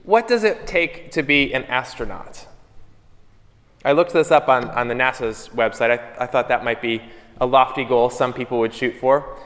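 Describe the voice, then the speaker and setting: A man leads a church service as its priest, speaking into a pulpit microphone at an ordinary middle pitch. His delivery is steady and measured. The sound rings out with the long reverb of a church interior. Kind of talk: gospel reading and homily.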